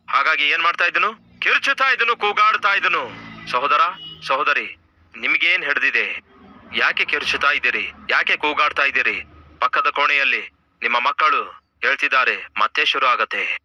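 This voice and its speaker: Male pastor with a Kannada accent, higher-pitched and emphatic, sermon on a dry, dull recording. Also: pushed and bright, dry recording. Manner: emphatic preaching with rhetorical questions and sudden drops to a low voice.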